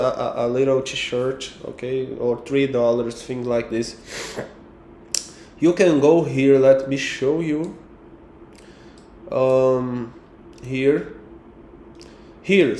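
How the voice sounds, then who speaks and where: A man's voice: on the high side, darkish tone, roomy sound, slight background noise. A man with a Brazilian Portuguese accent guiding viewers around his city, hesitant and full of fillers, ending lines with "okay". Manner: hesitant, many fillers, tags sentences with okay. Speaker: local guide showing the city on a map. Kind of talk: casual screen-share tour talk.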